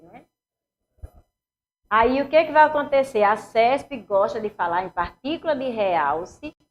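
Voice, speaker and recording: A woman's voice: fairly high pitch, a little hiss or hum. A woman with a Northeastern Brazilian accent teaching a grammar lesson for exam preparation, asking the class questions and answering them herself.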